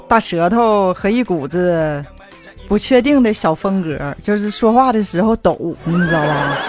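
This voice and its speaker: Jokey man co-hosting a comedy podcast. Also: sits high. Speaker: podcast co-host. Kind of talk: comic podcast banter.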